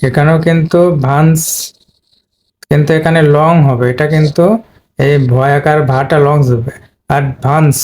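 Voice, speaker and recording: A man teaching English pronunciation, explaining step by step and slowly repeating each word. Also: fairly high pitch, a little mellow, a little hiss or hum. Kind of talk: explaining at a board.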